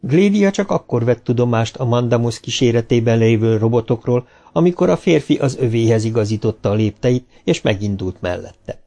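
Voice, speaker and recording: A man narrating a novel as an audiobook, reading in a calm, measured way. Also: medium pitch.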